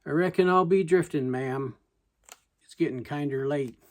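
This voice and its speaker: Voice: medium pitch, normal speed, close to an everyday voice. A reciter with a voicing a shy, tongue-tied, lovestruck young cowhand in a poem. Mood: bashful.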